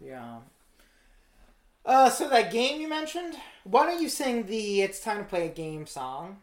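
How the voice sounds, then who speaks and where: A woman's voice: fairly high pitch, big pitch swings, measured pace. A woman co-hosting a casual podcast, trading dry, jokey banter. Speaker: podcast co-host.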